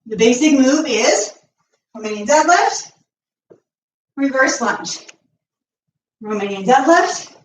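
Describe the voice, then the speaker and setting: A woman fitness coach leading a live home workout, out of breath as she exercises along and counts reps aloud. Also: fairly high pitch. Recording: echoey room, mic at a distance.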